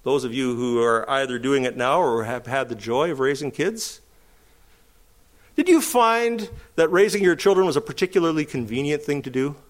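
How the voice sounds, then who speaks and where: A middle-aged male pastor preaching a sermon, rising to emphatic, high-pitched calls between calmer stretches. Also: moderate pace.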